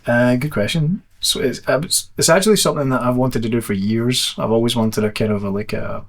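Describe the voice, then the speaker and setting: A man's voice: mid-range voice, fairly quick. A man who runs a live tabletop game, talking casually and often restarting his sentences. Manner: hesitant, repeats words at starts. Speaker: dungeon master of a live show. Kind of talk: casual interview chat.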